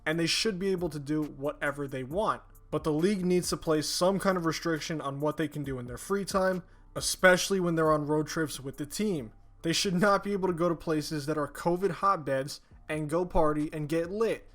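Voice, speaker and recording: A man's voice: a little high, fairly bright tone. A man giving casual, blunt, slangy opinion commentary with swearing, recorded while sore and medicated just after having his wisdom teeth out. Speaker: YouTube sports commentator.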